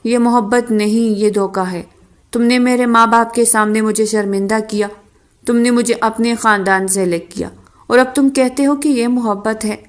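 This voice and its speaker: A woman's voice: fairly high pitch, steady tone, lightly acted. A woman reading the lines of a wronged young wife who turns on her deceiving husband, in an audiobook novel reading. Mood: accusing. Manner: accusing, bitter.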